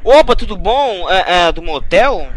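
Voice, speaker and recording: A Brazilian man hosting a live comedy podcast, making prank calls in a mock-innocent, teasing way that swings between loud and quiet. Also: sits high, lively intonation, unhurried. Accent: Brazilian Portuguese.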